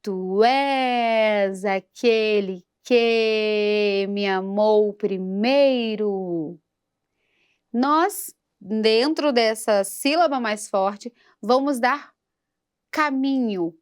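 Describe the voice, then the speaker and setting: A woman teaches singing in a church program, talking slowly and patiently. Her speaking voice sits fairly high for a woman. She takes her time over each point and stops now and then to sing a phrase as a demonstration. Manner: slow, patient instruction with sung demonstrations. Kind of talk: vocal lesson for a church program.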